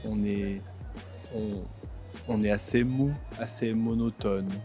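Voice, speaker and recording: Slow, clear-speaking young Frenchman. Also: lowish voice, fairly even intonation, dark tone, faint music behind. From France. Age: 20s. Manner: slow, clear, repeats and rephrases simply. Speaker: vlog host and French teacher. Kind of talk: slow comprehensible-input vlog narration. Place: outdoors in a city.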